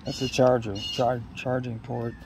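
With a mid-range, level voice and a measured pace, a middle-aged man talks to himself outdoors as he unboxes gear. The chat is casual and unscripted, made of short, hesitant fragments, recorded in a leafy yard with outdoor noise in the background.

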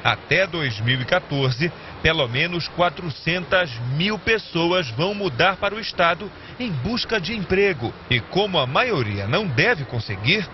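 A man reads a news voice-over in a measured reporter cadence. His voice is fairly high and swings widely in pitch. The sound is dull, with faint noise behind it. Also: expressive. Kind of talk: scripted news narration.

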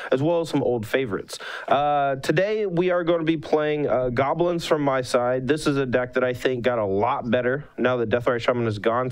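A man's voice: medium pitch, rough recording. A man co-hosting a card game match in casual commentary, joking, laughing often and correcting himself mid-sentence.

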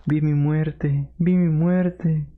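A young Peruvian man with a Peruvian Spanish accent streams live from a home room, playing games while chatting casually, reading and answering viewer messages with jokey outbursts. His voice is fairly high, steady in tone and very slow, and the lo-fi audio is slightly dull with faint noise.

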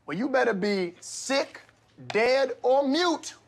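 A man playing a strict, combative middle-aged substitute teacher from an inner-city school in a comedy sketch, stern and husky as he barks at the class. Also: extremely high pitch, lively intonation, takes it slowly, heavily acted. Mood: menacing, exasperated. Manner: stern substitute teacher barking roll call.

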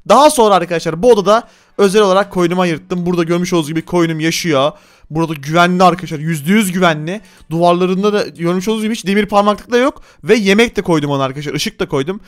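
A man's voice: high voice, smooth. A man hosting a gaming channel, giving chatty, teasing Minecraft gameplay commentary to his viewers.

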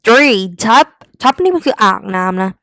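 A woman's voice: a little high, lively intonation, slow pace, a bit bright, no echo. A young woman with a Thai accent, teaching English vocabulary in a chatty way and addressing her students directly. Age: young adult. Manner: chatty, talks straight to the students as "kids", mixing English words into her lesson. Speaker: English tutor. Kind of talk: exam-prep vocabulary lesson.

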